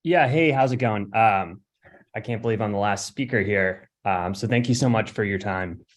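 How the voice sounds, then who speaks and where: A young man from Connecticut giving a hesitant public comment at a city hearing over a remote call, with many fillers and throat clearing. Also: fairly low pitch, moderate pace. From Connecticut, USA. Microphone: remote call audio.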